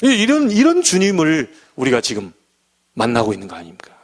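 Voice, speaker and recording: Animated Korean-speaking pastor preaching, high voice. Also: male voice, a little fast. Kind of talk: sermon.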